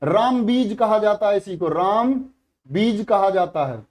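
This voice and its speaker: High-voiced male teacher quizzing students. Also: a little slow, darkish tone. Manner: repeats each word, quizzes the students. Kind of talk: classroom lesson.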